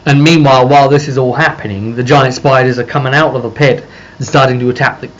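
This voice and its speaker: A fast-talking man with a steady, medium-pitched voice casually recaps a tabletop session as its game master. Unscripted, he rambles while fitting the story together, recorded through a dull lo-fi microphone with faint noise.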